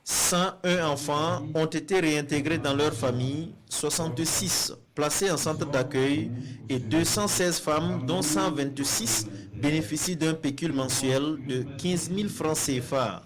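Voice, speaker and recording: A man narrating a television news report in a measured, formal delivery. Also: on the high side, crowd noise.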